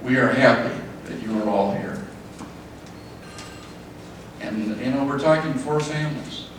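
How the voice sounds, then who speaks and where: A man's voice: medium pitch, a little slow. Echoey, distant middle-aged man giving a speech. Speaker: father of the bride giving a speech. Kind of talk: wedding speech. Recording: echoey, noisy room, distant mic.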